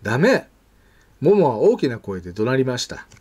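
A man reading a children's picture book aloud in a gentle, expressive way. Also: medium pitch, brisk, slight background noise. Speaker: storyteller.

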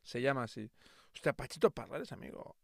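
A young man with an accent from Spain, chatting excitedly on a livestream, swearing freely and tossing playful insults at friends. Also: mid-range voice, fairly quick, vocal fry, no echo, studio quality. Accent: Spain Spanish. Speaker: streamer. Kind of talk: casual livestream chat reacting to fan art.

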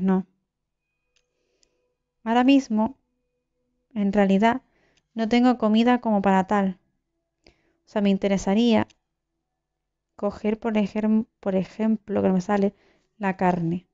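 A young woman narrates her own gameplay, exclaiming and cursing as she talks to her audience. Her voice is smooth and of middling pitch. The recording has a slightly muffled, lo-fi quality. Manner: excitable, swears, talks to viewers. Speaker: gaming YouTuber. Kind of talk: live gameplay commentary.

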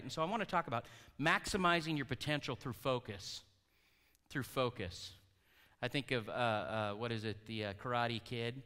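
A man's voice: medium pitch, sharp tone, smooth, long reverb tail. A male pastor giving a conversational sermon, asking the congregation questions as he teaches. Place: church hall.

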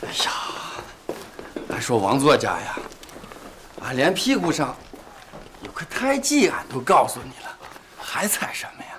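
A shy farmer, speaking slowly and haltingly. There is clear noise behind his voice. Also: mid-range voice, huge pitch swings. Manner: shy, bashful, hesitant. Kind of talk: TV drama acting.

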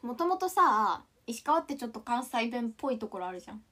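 A fast-talking woman in her twenties from Ishikawa, Japan, chats on a livestream in a bright, forceful voice that's on the high side with big pitch swings. She giggles and reads comments aloud, her mostly standard Japanese accent showing Kansai touches.

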